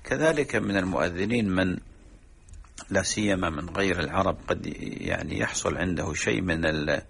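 A man, a sheikh, explaining religious rulings in a measured, teaching way on a radio program. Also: low voice, gravelly, a bit bright, a little hiss or hum. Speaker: sheikh answering religious questions.

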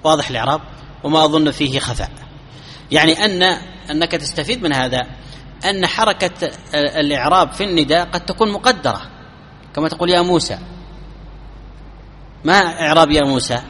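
A man giving a classical Arabic grammar lesson, explaining step by step, asking his students questions and drawing out each example phrase slowly. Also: fairly high pitch, bright, forceful tone, in a large hall, a little hiss or hum. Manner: slows down and drawls out example phrases.

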